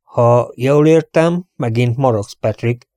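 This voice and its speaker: A man's voice: medium pitch, mellow, dry recording, studio quality, lightly acted. A man voicing a cheerful, dignified prince who turns mock-stern. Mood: jovial. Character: jovial, dignified, scheming male prince.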